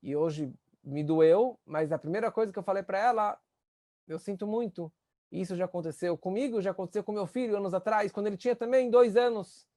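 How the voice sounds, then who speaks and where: A man, a rabbi teaching a class on empathy, earnest, and acting out the voices he quotes with sudden rises in pitch. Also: fast talker, warm tone, dry recording, clean studio sound. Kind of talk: spoken lesson on empathy.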